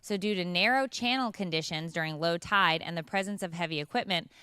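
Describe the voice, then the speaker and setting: A woman's voice: lowish voice, a little fast, sharp tone, clean tone, no echo. A woman co-hosting a morning show, reading local news with joking asides. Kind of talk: casual chat, reading news segments.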